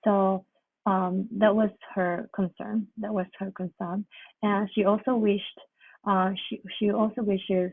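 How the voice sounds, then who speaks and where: Presenting as a graduate student, a woman with a husky, medium-pitched voice speaks in a flat, halting way, often hesitating and going back over the same phrases. Her academic talk comes through a muffled phone-like line with echo from the room.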